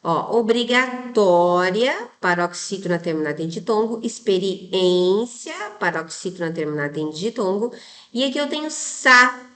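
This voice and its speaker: A woman's voice: lowish voice, animated, brisk, sharp tone. A woman from Brazil, an exam prep teacher, going through test answers step by step and checking often that her students follow. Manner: didactic, many tag questions, spells out rules step by step.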